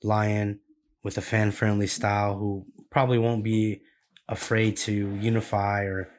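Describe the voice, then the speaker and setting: A man's voice: lowish voice, flat delivery, a little slow. A man co-hosting a fight podcast in casual chat, laid-back and slangy, trailing into fillers as he runs through the fight previews.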